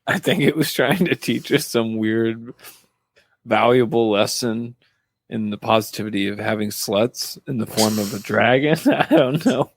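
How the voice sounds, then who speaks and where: A man's voice: medium pitch, unhurried, gravelly, no room sound. A young man co-hosting a podcast, dropping dry, wry quips between chuckles. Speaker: podcast co-host. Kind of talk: casual review chat.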